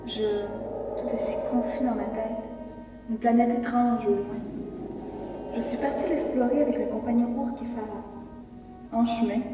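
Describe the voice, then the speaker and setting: An actress playing an earnest, questioning alien explorer lost in a strange world, in an audio drama. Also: female voice, fairly high pitch, natural voice. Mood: confused, wary. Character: confused alien woman explorer, earnest and curious. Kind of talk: French audio drama acting. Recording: distant, cavernous reverb, music underneath.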